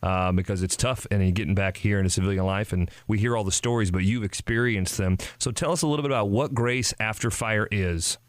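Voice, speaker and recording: A man's voice: lowish voice, fairly quick, few pauses, no room sound, studio quality. A man hosting a radio talk show, speaking in an enthusiastic, effusive manner.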